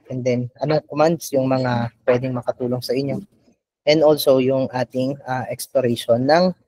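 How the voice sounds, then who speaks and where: A man with a Filipino accent walks a live audience through a tech demo, his voice sitting in an ordinary middle range. He explains patiently, trailing into fillers and quick "okay?" checks. The sound is dry and close, with little room around it. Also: medium pitch, a little mellow, dry recording, low-quality recording. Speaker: tech workshop presenter. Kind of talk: live tech presentation in Taglish. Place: event venue with live audience.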